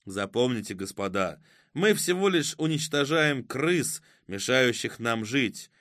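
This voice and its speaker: A man voicing a mocking, vengeful male villain in an audiobook, with a drawn-out, sneering delivery. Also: mid-range voice, expressive, a bit bright, no room sound, clean studio sound. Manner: sneering, taunting, drawn-out threats. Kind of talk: audiobook character voice.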